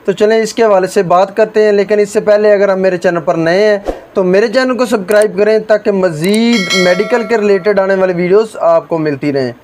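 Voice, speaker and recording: A man with a notably high-pitched voice explains a medicine for his medical video channel. He talks in a steady, informational way, looping back to the same stock phrases and dropping filler words between points. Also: fairly quick, background noise. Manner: formulaic, repetitive phrasing with frequent filler words.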